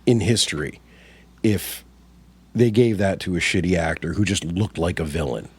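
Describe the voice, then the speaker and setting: A man in his forties talks through a film in a loose, blunt way, swearing often and stating his opinions flatly. His voice sits on the lower side. The sound is dry and close to the mic. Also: moderate pace, slightly rough, no echo. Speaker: podcast co-host. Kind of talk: casual movie discussion.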